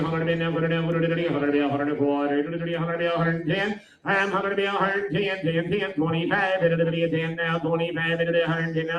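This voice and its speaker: A man's voice: on the high side, dull audio. A man calling bids as a livestock auctioneer in a sale barn, in a rhythmic sing-song number chant with filler calls. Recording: roomy, from far off.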